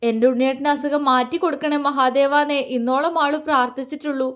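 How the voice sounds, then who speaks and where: Heartbroken young woman in a storybook reading, voiced by a woman narrator, soft and halting, repeating her words as she holds back tears. Her voice sits high and thin, lifting higher still when she pleads. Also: fairly even intonation. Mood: tearful, pleading. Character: young woman, heartbroken, tearful and self-effacing.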